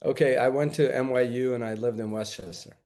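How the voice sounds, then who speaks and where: A man's voice: mid-range voice, steady tone, fairly quick, darkish tone. A man from New York as a podcast guest, chatting casually and telling anecdotes.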